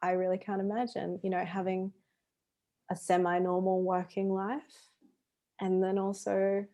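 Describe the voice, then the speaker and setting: A woman with a mid-pitched voice co-hosts a casual podcast. She talks in a chatty, easygoing way, with plenty of fillers. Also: level tone, unhurried, warm tone. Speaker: podcast co-host. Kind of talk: casual chat.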